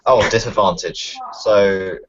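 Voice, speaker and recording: A man's voice: lowish voice, takes it slowly, a bit bright. A man playing a tabletop game, answering in short, terse remarks. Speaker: player. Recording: dull lo-fi recording.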